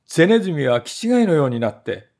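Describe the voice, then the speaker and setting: A man, a voice actor, reading a story aloud in measured, expressive narration. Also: a little high.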